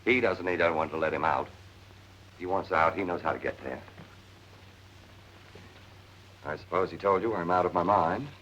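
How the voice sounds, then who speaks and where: A man's voice: low-pitched, quick pace, a bit bright, slight background noise. A man acting an exasperated, wry character with sardonic screwball banter in a 1940s comedy film. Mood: testy. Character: exasperated, wry man convinced his brother returned as a dog. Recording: muffled vintage film soundtrack.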